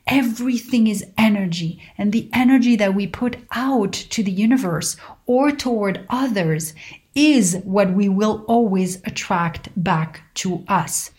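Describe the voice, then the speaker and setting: Slow, serene woman with guru-like pauses. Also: medium pitch, a little mellow. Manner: serene, guru-like, deliberate pauses between short phrases; addresses listeners directly as friends. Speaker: host sharing personal reflections. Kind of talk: motivational spiritual talk.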